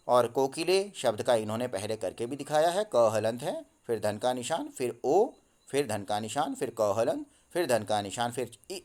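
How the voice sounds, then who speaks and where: Male teacher recording a lesson on his phone, slow and careful, voice goes up and down a lot. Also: mid-range voice. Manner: reads textbook lines out loud, then explains each one. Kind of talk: explaining a textbook lesson. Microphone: phone mic.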